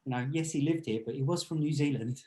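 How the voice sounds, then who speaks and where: A man's voice: fairly high pitch, quick pace, mellow, rough recording. A middle-aged man, co-hosting a casual chat podcast in a chatty, joking way. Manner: chatty, jokey, laughs often. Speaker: podcast co-host.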